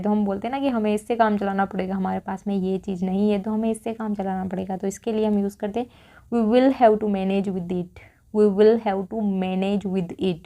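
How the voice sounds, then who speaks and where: An Indian woman, a young adult, gives a spoken English lesson. Her voice is warm and mellow and sits at a middle pitch. She says each practice sentence slowly, twice over, before she explains it. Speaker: English teacher.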